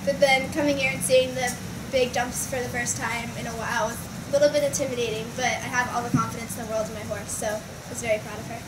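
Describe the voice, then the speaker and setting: A woman's voice: fairly high pitch, fairly even intonation, fast talker. A seventeen-year-old girl from Washington, D.C., a show jumping rider, speaking earnestly in a post-competition interview. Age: teens. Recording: loud noise, echoey, distant.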